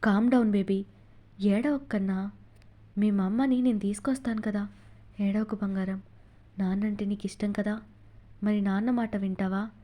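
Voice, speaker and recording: An anxious young father in a novel read aloud, his voice pitched a little low, hushed and soft, as a woman reader puts him on. The tone stays mellow and warm. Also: fairly even intonation, moderate pace, long pauses, close to an everyday voice. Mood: soothing.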